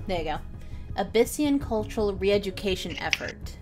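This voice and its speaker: A woman's voice: medium pitch, animated, normal speed, faint music behind. A woman casually narrating a tabletop game as its game master.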